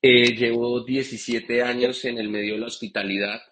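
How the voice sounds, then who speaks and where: A guest bartender from Bogotá, speaking with a Bogotá Colombian Spanish accent, tells his story in a chatty live interview over a video call, with frequent fillers and restarts. His voice is mid-range, fairly even in intonation, fairly bright, at normal speed.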